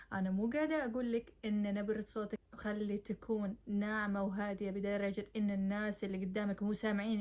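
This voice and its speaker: A woman's voice: medium pitch, darkish tone. Brief: young woman, chatty advice vlogger, talks straight to the viewer and mixes in English words. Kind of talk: casual advice talk to camera.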